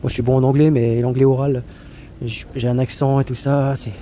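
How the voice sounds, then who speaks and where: Slight background noise sits under this casual spoken monologue from a male travel vlogger on solo travel. His mid-range voice is dark and flat, a little fast, and his rambling is packed with fillers, restarts and blunt slang.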